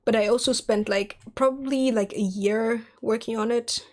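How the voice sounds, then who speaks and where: A woman in her twenties, a 3D artist, streams while sculpting and chats and giggles as she answers her viewers. Her slightly high voice, scratchy from a sore throat and cold, moves at a normal speed with fairly even intonation.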